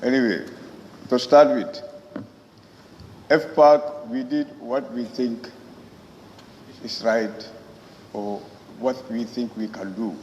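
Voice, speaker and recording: A man with a Gambian accent gives a parliament speech at a middle pitch, phrasing deliberately and haltingly. The sound is muffled and reverberant, as in a big chamber. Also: fairly even intonation, darkish tone. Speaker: member of parliament. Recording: echoey hall, muffled, faint noise.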